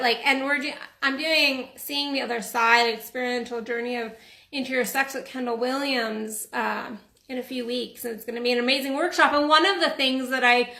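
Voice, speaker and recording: A woman life coach with a high-pitched, sharp voice delivers a casual livestream monologue in a roomy, echoing space. She's rambling and earnest, restarting often and letting the odd swear word slip.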